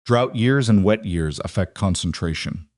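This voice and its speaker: A man voicing a determined woman rancher in an audiobook, speaking calmly and precisely. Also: fairly low pitch, moderate pace, no room sound, clean studio sound, close to an everyday voice. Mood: steady. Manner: calm, precise, matter-of-fact. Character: determined woman rancher, quietly sure of herself. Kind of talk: audiobook narration.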